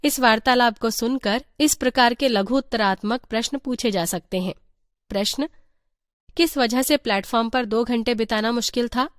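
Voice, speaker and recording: A woman reading a teacher's guide aloud in an even, measured voice. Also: fairly high pitch, no room sound, studio quality. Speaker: textbook reader.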